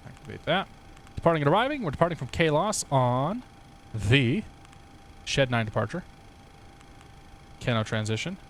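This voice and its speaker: A man's voice: medium pitch, big pitch swings, moderate pace, long pauses, a little hiss or hum. A young man streaming a flight simulator, chatting casually with viewers, laughing and swearing now and then. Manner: laid-back, swears casually, laughs often. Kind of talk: casual livestream chat with viewers.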